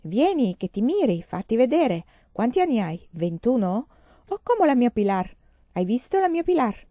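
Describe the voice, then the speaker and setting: A woman reading an audiobook, voicing a stout, breathless older Spanish mother who speaks in a shrill, singsong voice with a Spanish-tinged manner. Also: very animated, normal speed, dark tone, dry recording, highs cut off. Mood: gushing.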